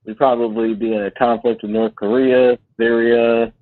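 A man from Detroit calling in on speakerphone to a radio show, talking haltingly with many fillers and restarts. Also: medium pitch, flat delivery, no room sound. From Detroit, United States. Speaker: caller. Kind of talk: call-in radio chat. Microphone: phone on speakerphone. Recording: tinny phone line on speakerphone.

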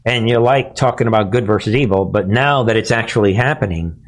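A man hosting an informal political commentary, ranting to his followers in a conspiratorial, alarmist and mocking manner, in halting, broken phrases. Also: lowish voice. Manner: mocking, sarcastic, chuckling asides. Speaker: host of a political commentary show. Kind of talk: informal monologue news commentary.

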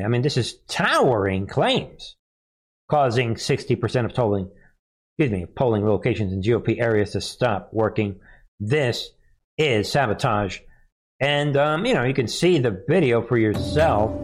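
A man's voice: mid-range voice, lively intonation, a little slow. A man hosting a live news commentary stream, reading viewer comments and posts aloud in a hesitant, rambling way full of rhetorical questions. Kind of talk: casual livestream commentary, reading chat and posts.

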